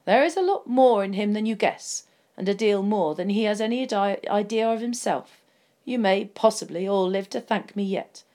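A woman's voice: mid-range voice, moderate pace, mellow, close to an everyday voice. A stern old wizard, put on by a woman reading aloud, commanding and emphatic. He presses each point home with weight. It is a storybook read-aloud.

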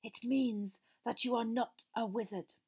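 A woman voicing a cold, cruel dark lord in a storybook reading, with a whispery, slow and deliberate delivery. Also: fairly high pitch, lively intonation, heavily acted. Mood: cold menace. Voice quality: whispery, breathy.

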